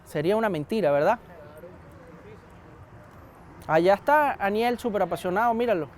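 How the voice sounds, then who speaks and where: A man's voice: high voice, animated, moderate pace, darkish tone. A young man with a Venezuelan accent preaching a sermon in a conversational way, often asking his congregation questions.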